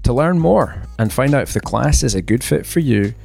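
A man hosting a podcast, reading a sponsor message in a steady, measured way. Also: medium pitch, gravelly. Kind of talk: scripted ad read. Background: faint music.

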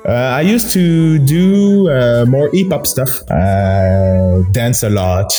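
A man's voice: mid-range voice, animated, slow, mellow, soft background music. A man with a Togolese accent, a guest telling his story in a casual interview, often repeating words for emphasis. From Togo. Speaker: podcast guest, DJ and dance teacher.

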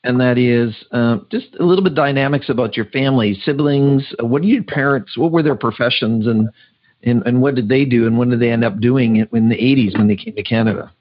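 A man's voice: medium pitch, brisk. A man hosts a podcast interview with a mid-range voice. He asks questions and encourages his guest with frequent affirmations. The sound is a little muffled. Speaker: podcast host.

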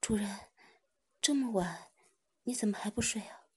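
A woman voicing a devoted, affectionate young woman in a whispered role-play, soft and tender. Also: medium pitch, moderate pace, breathy edge.

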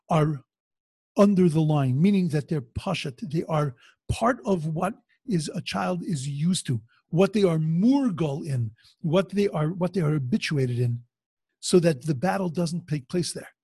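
A man a very husky, rough voice teaches in an informal religious lecture. His pitch sits a little high for a man. He talks conversationally, circling back to rephrase and asking rhetorical questions. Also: a little mellow, no room sound. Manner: halting, repeats phrases as he rephrases. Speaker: rabbi giving a religious talk.

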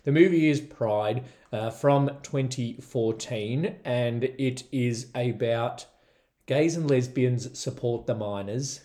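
A man's voice: medium pitch, slow, mellow. A man hosting a movie review podcast in casual chat, playful and laughing often as he tries out accents. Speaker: podcast host.

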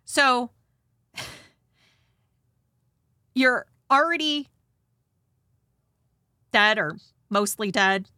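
A woman's voice: on the high side, lively intonation, very slow, long pauses, sharp tone, no room sound, studio quality. A woman hosting and narrating from a script with casual, conversational asides and a dramatizing touch. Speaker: host.

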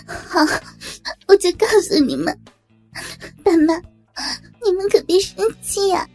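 A woman voicing a tearful teenage daughter who pleads in a high, sobbing, halting voice. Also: steady tone, dark tone, soft background music. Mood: tearful pleading.

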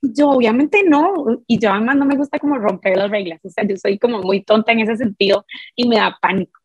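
A woman in her thirties with a Costa Rican accent, telling her own story as an interview guest in an emphatic, lively way and acting out what people said to her. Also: mid-range voice, fast, breathy edge, dry recording, lo-fi sound. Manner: emphatic, animated, acts out quoted dialogue. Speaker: guest, barre studio owner. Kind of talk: candid personal storytelling.

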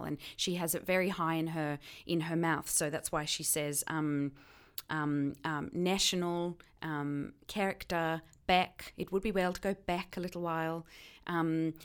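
A woman voice coach explaining accent features in casual talk, hesitant with many pauses. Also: on the low side, a bit bright, smooth. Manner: hesitant, many ums, enthusiastic about sounds.

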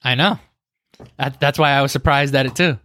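A man's voice: medium pitch, bright, forceful tone, no room sound. Game-show quizmaster man, dry sound. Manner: reads questions in a measured game-show way, laughs easily. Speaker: podcast host, quizmaster. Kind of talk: casual podcast quiz.

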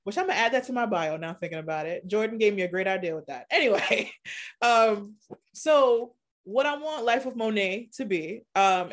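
Give me a woman guest on a podcast talking candidly and with animation, laughing easily. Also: on the low side. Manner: animated, laughs often, shifts between quick and slow emphatic phrasing. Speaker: podcast guest, content creator. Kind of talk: casual conversational interview.

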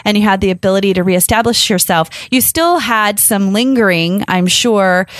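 A woman hosting a podcast interview, asking leading, supportive questions at a quick pace. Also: mid-range voice, no room sound, studio quality. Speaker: podcast host.

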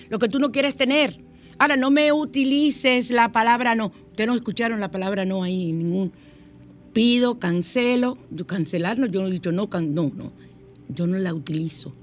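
A middle-aged woman hosting a spiritual self-help radio talk, speaking emphatically and repeating her key phrases. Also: fairly high pitch. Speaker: radio host.

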